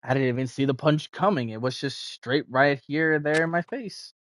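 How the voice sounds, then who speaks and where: A man's voice: medium pitch, normal speed, fairly bright tone, a little hiss or hum. A man streaming a game, casually commenting and reading aloud as he plays. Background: faint game music.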